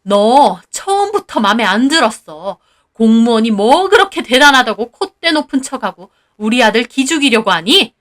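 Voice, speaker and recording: Bossy older mother-in-law, scolds in shrill outbursts; a woman puts her on. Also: sing-song, moderate pace, a bit bright. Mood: scolding. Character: sharp-tongued older mother-in-law, domineering and quick to anger.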